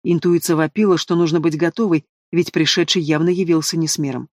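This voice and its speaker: A man narrating a first-person fantasy audiobook with an expressive, dramatic reading, recorded close to the microphone. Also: on the high side, a little fast, dry recording.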